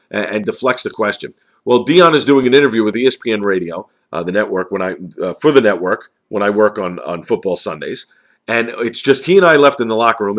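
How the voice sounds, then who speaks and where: A sports commentator with a medium-pitched, slightly bright voice delivers an opinionated football commentary. He rants emphatically and piles on rhetorical questions.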